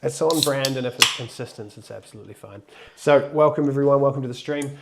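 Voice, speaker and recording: A man talks loosely and jokingly, mid-pitched, as he hosts a laid-back live stream. He is getting over a cold and still sounds a little worn. His speech is casual, full of restarts and asides. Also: fast, gravelly, heavy background noise. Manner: chatty, loose, restarts and jokes. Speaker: co-host of a sailing channel live stream.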